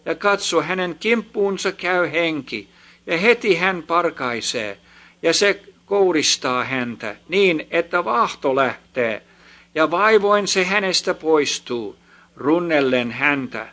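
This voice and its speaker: An imploring father of a sick boy, read by a man in a scripture recording. His fairly high, bright voice pleads in earnest. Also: lively intonation. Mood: pleading.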